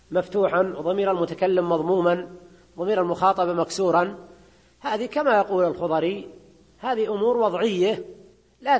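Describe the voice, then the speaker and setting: A man's voice: high voice, big-room sound. A man teaching a grammar lesson, explaining step by step and often prompting his listeners with a questioning "ha?". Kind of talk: classroom lecture on Arabic grammar.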